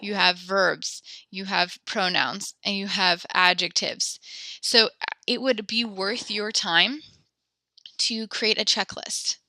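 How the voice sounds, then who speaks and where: A woman's voice: mid-range voice, fairly even intonation, takes it slowly, bright, forceful tone, no echo. A young woman teaching a French class online, patient and encouraging, slightly out of breath, speaking close to the mic. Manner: encouraging, patient, explains step by step. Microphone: headset or desk mic close up.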